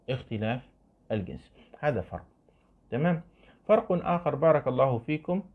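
A man's voice: medium pitch, breathy edge. A man teaching Islamic law, explaining a classical text line by line, often repeating his points, asking his students questions and showing things with his hands. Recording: narrow phone-like band.

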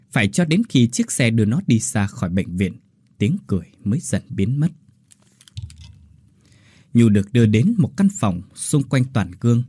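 Dark husky male horror narrator. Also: mid-range voice, dry recording, studio quality. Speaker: storyteller.

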